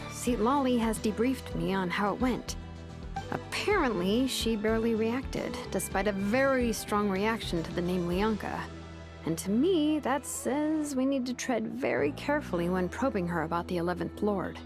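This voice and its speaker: An actress with a natural, medium-pitched voice plays a cautious, thoughtful young woman who talks earnestly and in a measured way, occasionally hesitating. Game soundtrack music plays behind her.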